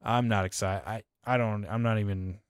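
A man's voice: fairly low pitch, normal speed, clean tone, no room sound, clean studio sound. A man co-hosting a fantasy football podcast, chatting casually and laughing as he tells stories. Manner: relaxed, laughs often, animated storytelling. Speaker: podcast co-host.

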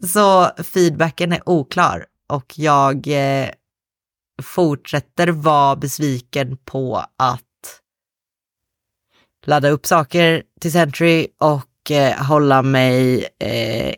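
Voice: medium pitch, no echo, studio quality. A podcast co-host in casual chat, talking in a gloomy, wry and self-mocking way.

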